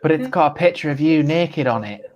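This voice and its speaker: A man's voice: fairly high pitch, animated, fairly quick, a little mellow, lo-fi sound, close to an everyday voice. A man playing an awkward, apologetic superfan in improvised comedy, hesitant and eager to please.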